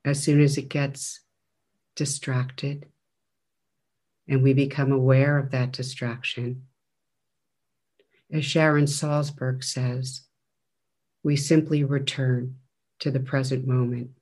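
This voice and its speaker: A man guides a meditation at a very slow pace. His delivery is gentle and flat in pitch, with a medium register. Long, measured pauses separate his phrases. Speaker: meditation teacher.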